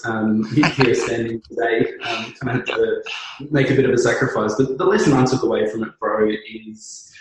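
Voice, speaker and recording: A New Zealand man in his thirties, a business co-founder, speaks earnestly as a guest on a conversational podcast interview, with lots of fillers and restarts. His voice is medium-pitched and a little mellow. The audio is poor and very echoey.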